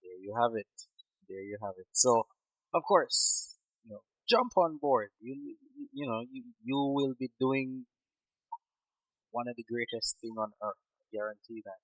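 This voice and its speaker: A man hosting a radio interview, asking rambling, halting questions. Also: medium pitch, lively intonation, no echo, rough recording. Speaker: radio show host.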